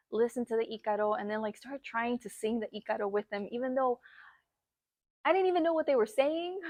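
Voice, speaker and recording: A woman's voice: medium pitch, creaky, no room sound. A young woman telling a personal story as a travel vlogger, chatty and casual, laughing often and filling with "like" and "um".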